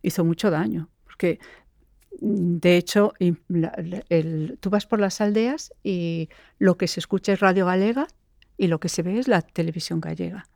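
A middle-aged woman from Galicia, a poet, speaking reflectively in an interview and pausing often with fillers and restarts. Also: lowish voice, gravelly, darkish tone, dry recording, clean studio sound. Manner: thoughtful, pauses with fillers and restarts.

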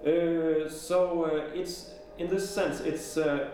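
A man from Denmark, speaking non-natively, explaining his own composition in a halting, hesitant way with many pauses. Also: fairly high pitch, steady tone, warm tone, a little hiss or hum. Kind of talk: casual explanatory interview. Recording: echoey room, mic far off.

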